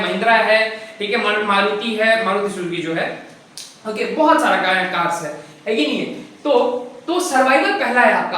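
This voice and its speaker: A man teaching a recorded lesson from handwritten notes. He talks fast, says so himself, mixes in English, slows down to read definitions, and keeps checking in with the class. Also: very high voice, sharp tone. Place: room with board, writing notes. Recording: very echoey room, voice far from the mic.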